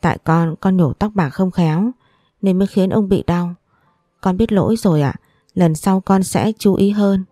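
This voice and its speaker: A woman voicing a gentle, affectionate little boy in a storybook reading. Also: lowish voice, moderate pace, no room sound, clean studio sound, faint music behind, close to an everyday voice. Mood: tearful pleading.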